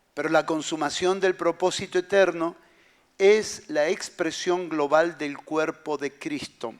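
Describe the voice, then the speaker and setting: A man preaching a sermon as pastor, emphatic and repeating his key phrases. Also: a little high.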